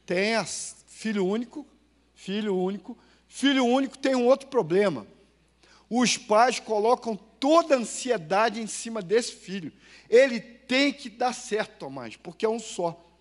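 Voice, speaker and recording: A Brazilian man preaching a sermon as pastor in a church, telling stories, asking the congregation questions and swinging between loud and hushed. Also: very high-pitched, expressive, measured pace. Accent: Brazilian Portuguese.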